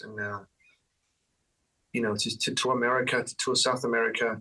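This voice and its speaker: A Danish-accented man talks loosely through an interview, restarting his sentences as he goes. His voice is bright and a little husky. He sits slightly back from the mic. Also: medium pitch, far from the mic, rough recording. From Denmark. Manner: relaxed, rambling, frequent restarts and fillers. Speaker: guitarist guest. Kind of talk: casual interview chat.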